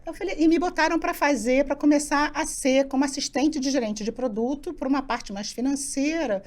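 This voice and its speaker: A middle-aged woman telling stories from her career as an interview guest, animated and acting out the dialogue she quotes. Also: high voice, normal speed. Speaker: guest, executive coach. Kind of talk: casual interview storytelling.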